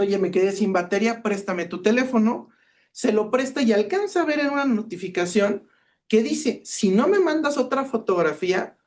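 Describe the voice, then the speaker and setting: Mexican guy giving a talk, tells cases like stories, acts out the quotes. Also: high voice. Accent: Mexican Spanish. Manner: lively storyteller, acts out quoted dialogue. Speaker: cybersecurity expert speaker. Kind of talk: conference talk with anecdotes.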